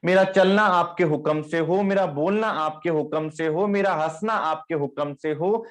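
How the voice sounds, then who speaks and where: A man giving a devotional discourse on scripture, speaking tenderly to his listeners and chanting verse lines slowly. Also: fairly high pitch. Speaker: spiritual teacher.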